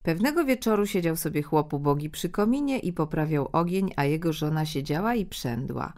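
A woman narrating a fairy tale in a calm, measured storytelling manner. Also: sits low.

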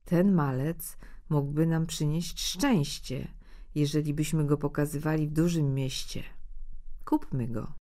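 A woman voicing a sly, greedy stranger in a fairy tale, plotting in a low, hushed voice. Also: a little slow. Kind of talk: storybook reading.

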